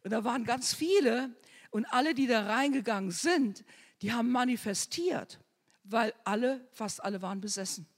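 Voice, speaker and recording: A husky-voiced woman preaches in a church hall, and her words ring out in a long reverb. She tells testimonies in an emphatic storytelling manner and builds to loud, urgent exhortation. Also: fairly high pitch, normal speed. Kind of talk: charismatic sermon with testimony.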